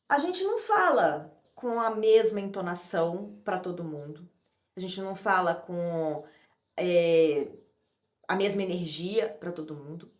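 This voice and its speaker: A middle-aged woman teaching an informal online class on speaking to camera. She demonstrates breathing and acts out quoted messages in a chatty, lively way. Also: medium pitch, roomy sound. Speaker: speaking coach. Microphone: camera in front of her.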